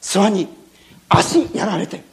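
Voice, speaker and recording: A woman telling a Bible-lesson story to children, lively and full of sound effects, speaking to her listeners. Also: mid-range voice, measured pace, vocal fry.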